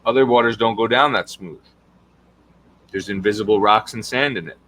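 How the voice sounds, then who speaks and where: A man's voice: fairly low pitch, moderate pace, fairly bright tone, a little hiss or hum, low-quality recording. A man, a health coach giving an impassioned monologue full of emphatic rhetorical questions.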